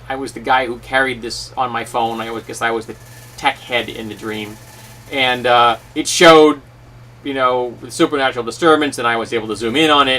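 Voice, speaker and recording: A man talking casually to camera as a YouTube host, recorded at home. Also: medium pitch. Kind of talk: casual talk to camera about tabletop role-playing. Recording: distant mic, steady fan noise. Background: whirring fan noise.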